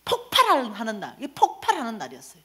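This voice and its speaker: A woman lay minister giving a lively testimony at a church seminar, acting out the voices in her story. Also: a little high, fast talker.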